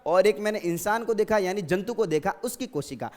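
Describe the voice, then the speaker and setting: A man's voice: high voice, expressive, a little fast. A male teacher giving a science lesson, asking questions and answering them himself while repeating key terms and addressing the students fondly. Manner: repetitive, drilling terms.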